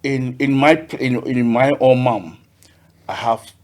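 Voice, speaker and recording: A man talks as a guest on a podcast. He sounds cheerful and speaks haltingly, circling back and repeating words as he goes. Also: mid-range voice, fairly even intonation, darkish tone. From Ghana. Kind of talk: casual interview.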